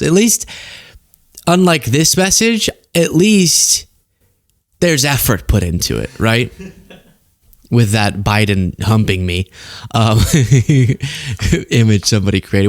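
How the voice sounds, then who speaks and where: A political commentator hosts his show in a wry, casual tone, reading messages aloud mockingly. His voice is on the low side, recorded with studio quality and no echo.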